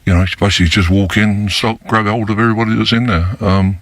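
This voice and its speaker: An older man's voice, disguised and pushed very low, gives an interview for a news report. It stays dull and level, barely rising or falling. He talks slowly, pausing and filling gaps as he recalls events. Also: fairly even intonation, a bit bright, no room sound. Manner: slow, halting, with many fillers. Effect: disguised voice, pitched down deep. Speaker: former undercover police officer.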